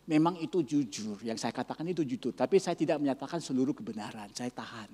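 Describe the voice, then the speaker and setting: A male pastor preaching a sermon, telling a story and swinging between loud exclaiming and hushed near-whispers. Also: mid-range voice, lively intonation, fast talker, breathy edge. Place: church sanctuary. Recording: church hall reverb.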